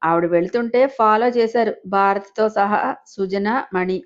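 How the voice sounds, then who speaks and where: A woman's voice: medium pitch, a little slow, highs cut off. Woman narrating an audio story.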